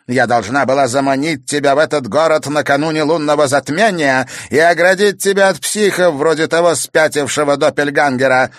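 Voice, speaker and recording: A man's voice: brisk, hardly any pauses, no room sound, studio quality, lightly acted. A man voicing a spiteful, scheming old grandmother who hisses and scolds in a storybook reading. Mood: menacing. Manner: shrill, hissing, scornful.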